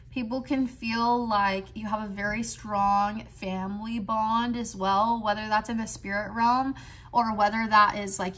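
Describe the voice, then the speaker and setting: A woman's voice: medium pitch, fairly bright tone. A young woman giving a casual tarot card reading indoors, rambling and chatty and filling her talk with "like". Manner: rambling, heavy with "like" fillers, chatty. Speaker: tarot reader. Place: indoors at a desk, in a squeaky chair.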